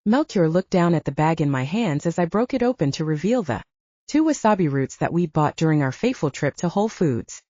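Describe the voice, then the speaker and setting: A woman narrating an audiobook in an expressive storytelling way. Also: low-pitched, a little fast, no echo. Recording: dull lo-fi.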